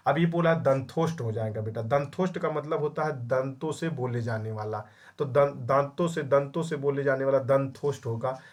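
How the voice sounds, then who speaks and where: A man's voice: mid-range voice, moderate pace, hardly any pauses. Young male tutor, scolds and drills, repeats each question back to the class. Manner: scolding, calls students "my child". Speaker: exam-prep Hindi grammar teacher. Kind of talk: online class lecture.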